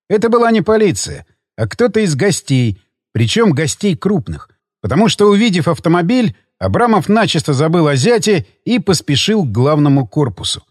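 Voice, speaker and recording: A man narrating an audiobook in an expressive storytelling manner. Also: high-pitched, no room sound, clean studio sound. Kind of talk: scripted narration.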